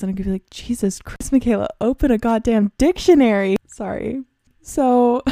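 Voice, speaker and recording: Young woman, podcast host, casual storytelling, gravelly fry, mellow tone, dry close sound. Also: mid-range voice, no room sound. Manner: chatty, self-deprecating, giggly.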